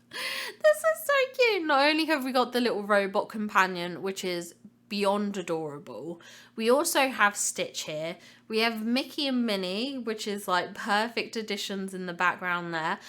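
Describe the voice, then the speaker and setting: A woman's voice: mid-range voice, measured pace, a bit bright. A woman hosting a casual video review, slightly sniffly with a cold, gushing with praise as she comments. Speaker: channel host.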